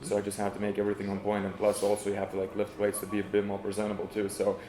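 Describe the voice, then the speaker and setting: Young man, lowish monotone, modest easygoing fighter, hesitant casual answers, echoey room. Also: very fast. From Lithuania. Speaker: MMA fighter being interviewed.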